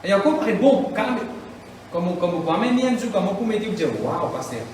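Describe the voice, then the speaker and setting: A pastor preaches with fervour, his voice sitting high and bursting into shouts now and then. He is caught from a distance in a big, booming church hall. The reverb hangs long after each phrase. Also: lively intonation, moderate pace, slight background noise. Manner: impassioned, repetitive preaching with shouted outbursts. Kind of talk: preaching a sermon. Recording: echoey hall, mic from far off.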